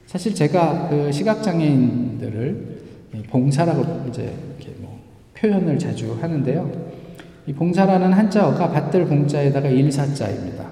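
Man preaching in an echoey hall. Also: fairly high pitch. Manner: conversational, rising to loud emphatic quotes. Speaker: pastor. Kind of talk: sermon. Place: church sanctuary.

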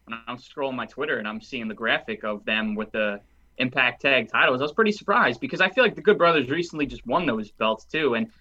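A man co-hosting a casual wrestling chat, giving measured, reflective takes. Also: medium pitch, expressive, sharp tone, breathy edge, dull audio. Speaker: podcast co-host.

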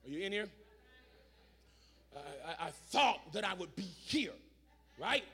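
A male pastor preaching to a congregation, swinging between shouted lines and low, joking asides full of repeats. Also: sing-song, a little slow, slightly rough. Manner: shouts and drops to a low, conversational aside, repeats words, talks back to the crowd. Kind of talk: energetic sermon to a congregation.

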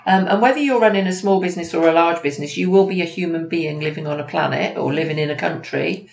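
Woman, slightly low voice, casual business chat, podcast co-host, roomy echo. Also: quick pace, gravelly, a little mellow. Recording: echoey room, background noise.

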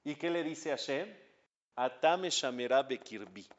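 A man's voice: fairly high pitch, unhurried. A man teaching a religious class as a rabbi, acting out dialogue and asking his listeners questions. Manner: animated storyteller acting out dialogue, asks the audience questions. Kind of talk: religious lesson. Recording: dull lo-fi recording.

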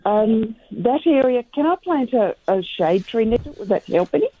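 A woman caller heard through a thin, phone-like line, her voice sitting a little high. She asks polite, halting questions and often restarts mid-sentence. The sound is close and dry. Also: animated, dry recording. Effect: heard over the phone. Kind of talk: casual radio call-in chat.

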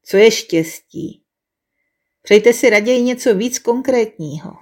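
A woman's voice: a little high, a little mellow, lightly acted. A woman voicing a weary, sceptical female owl who sighs and scolds the other animals in a storybook tale. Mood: bored. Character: grumpy wise female owl, scornful and weary.

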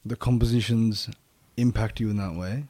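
A man's voice: fairly low pitch, fairly even intonation, moderate pace, warm tone, no echo. A man talking casually and reflectively, repeating his phrases for emphasis.

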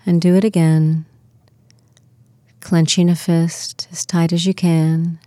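A woman talks listeners through a guided relaxation in an unhurried, soothing way. Her voice sits low and mellow. The recording is close and dry, with no room sound. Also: little pitch movement, no room sound. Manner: slow, soothing, soft-spoken instructions.

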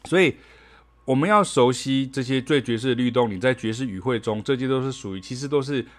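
A man's voice: medium pitch, brisk. A man giving a casual spoken jazz lesson, chatting in a loose, rambling way and scatting rhythms aloud. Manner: chatty, ends phrases with a soft "ha", scats rhythms aloud. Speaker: jazz teacher.

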